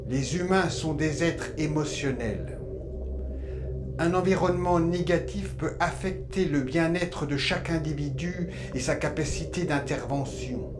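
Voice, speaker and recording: A man playing an aloof alien emperor who lectures humans in a formal, measured, detached way in a science-fiction drama. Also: a little high. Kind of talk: scripted science-fiction monologue. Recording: loud background noise and ambience.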